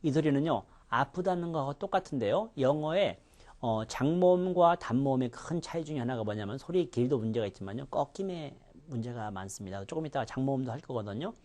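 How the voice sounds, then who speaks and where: Animated male pronunciation teacher. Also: mid-range voice, brisk. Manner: animated, demonstrating sounds with exaggerated contrasts. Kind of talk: recorded lecture.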